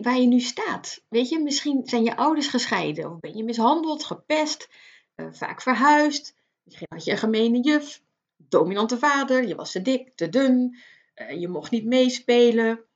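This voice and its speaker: Woman, motivational coach, direct and earnest, slightly high voice, muffled lo-fi recording. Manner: earnest, direct, speaking straight to the listener. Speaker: life coach. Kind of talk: motivational self-help talk.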